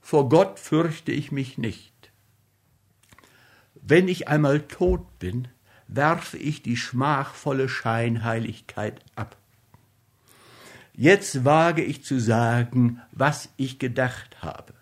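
A man reading a literary story aloud in a measured, solemn manner. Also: mid-range voice. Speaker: narrator.

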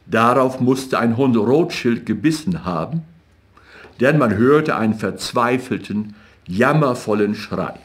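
A man reading literary fiction aloud as an audiobook narrator in a measured, even way. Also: medium pitch.

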